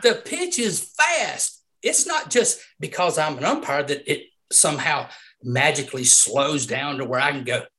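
A middle-aged man with a Southern US drawl talks through his years as an umpire in relaxed interview chat. He makes his points with emphasis and breaks into laughs often. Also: on the high side, normal speed. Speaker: retired umpire, podcast guest.

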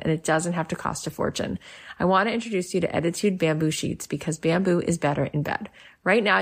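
Lower-pitched woman reading a podcast ad. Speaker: podcast host reading sponsor ads. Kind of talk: scripted ad read.

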